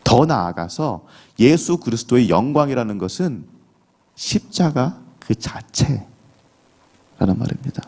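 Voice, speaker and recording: Speaking in an unhurried, sing-song way, a middle-aged male pastor gives a conversational early-morning sermon in a church sanctuary. His medium-pitched voice is mellow, and he acts out quotes from biblical figures.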